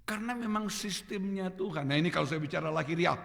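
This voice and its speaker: A man preaching a sermon as a pastor, with a North Sulawesi Indonesian accent, swinging from quiet asides to loud emphatic peaks. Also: sits high, quick pace, vocal fry. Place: church. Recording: church hall reverb.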